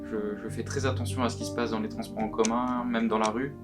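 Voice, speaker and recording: Man, anonymous witness, deep pitch-shifted disguise, earnest, halting, guitar music underneath. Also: level tone. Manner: earnest, halting, often repeats words. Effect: voice disguised, pitch shifted deeper. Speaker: anonymous witness giving testimony. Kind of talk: recorded testimony, answering questions. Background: plucked guitar music.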